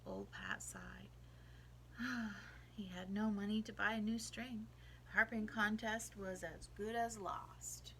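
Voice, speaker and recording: Bright woman teacher reading aloud. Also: mid-range voice, unhurried, a little hiss or hum, rough recording. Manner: expressive, asks the listeners questions. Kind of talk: read-aloud storytelling for children.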